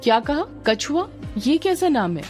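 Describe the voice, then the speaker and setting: A woman's voice: on the high side, brisk, a little mellow, faint music behind, natural voice. A woman voicing a stern, angry female police officer who questions and scolds suspects. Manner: commanding, scolding.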